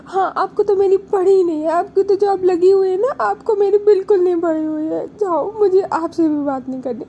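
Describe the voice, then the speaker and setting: Bani: a weepy, defensive young woman, high and whiny, voiced by a woman narrator. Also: normal speed, dark tone, lo-fi sound. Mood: upset, tearful. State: crying. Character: tearful sulky young woman, bank exam student.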